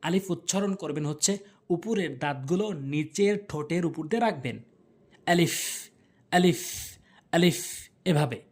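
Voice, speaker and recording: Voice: medium pitch, expressive, fairly quick, darkish tone, slightly rough. Patient pronunciation instructor; demonstrates each sound with repeated drills, plain step-by-step delivery. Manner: explains step by step in simple terms. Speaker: Quran recitation teacher. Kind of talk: pronunciation lesson.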